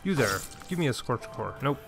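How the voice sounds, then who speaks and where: A man at a desk mic chats through his gameplay, muttering to himself and coaxing his in-game pet. His voice sits at an ordinary middle pitch, with faint game music playing underneath. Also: sing-song, a little fast, gravelly. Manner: chatty, talks to himself and his game pet, frustrated sighs. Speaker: let's play gamer. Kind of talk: casual gameplay commentary.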